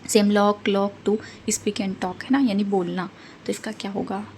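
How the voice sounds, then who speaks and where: A woman gives a casual book review in Hindi sprinkled with English words, reading out word lists and checking in with listeners through "theek hai" and "hai na". Her medium-pitched voice is level and a little mellow at a normal speed, with slight background noise.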